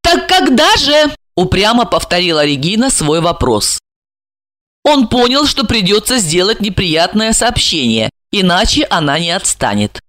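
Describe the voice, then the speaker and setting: A woman reading a novel aloud as the audiobook narrator, in an expressive storytelling manner. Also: fairly low pitch, moderate pace, dry recording, clean studio sound. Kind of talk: scripted narration.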